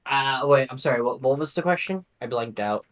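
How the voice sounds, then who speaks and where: A man plays at a tabletop role-play table, talking casually. He rambles, hedging and filling pauses as he thinks aloud. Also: mid-range voice, expressive, fairly bright tone. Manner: hesitant, rambling with many fillers. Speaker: player.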